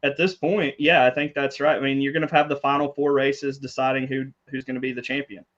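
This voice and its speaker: A man co-hosts a casual podcast, thinking his way through each point and hedging as he goes. His voice sits at an ordinary middle pitch. The recording is a touch dull and lo-fi. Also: level tone, fairly quick, fairly bright tone. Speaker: podcast co-host. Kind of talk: casual chat.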